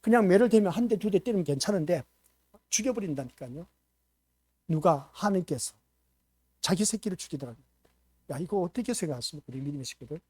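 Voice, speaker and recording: A male pastor preaching a sermon, asking the congregation rhetorical questions and swinging between loud emphasis and hushed asides. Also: high-pitched, animated, quick pace, long pauses, husky, dry recording. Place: church.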